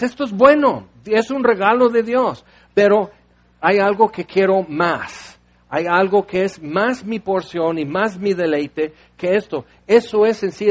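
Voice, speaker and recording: A man preaching a sermon, reading Bible verses and explaining them with conversational, playful asides. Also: high-pitched.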